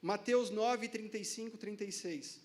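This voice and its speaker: A man's voice: high voice, normal speed. A man with a Brazilian Portuguese accent preaching a sermon in a casual, joking way, laughing often and calling out to the congregation.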